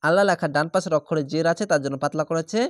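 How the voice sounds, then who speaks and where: A man with a Bangladeshi Bengali accent teaching Quran reading rules step by step, with slow drawn-out recited examples. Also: fairly high pitch, no room sound, clean studio sound. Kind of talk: spelled-out Quran recitation lesson.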